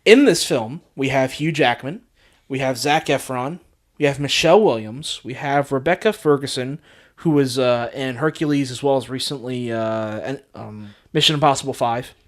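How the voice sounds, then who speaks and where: A man's voice: medium pitch, moderate pace. A man hosting a casual movie podcast, laughing often and explaining things with hesitant fillers. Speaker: podcast host.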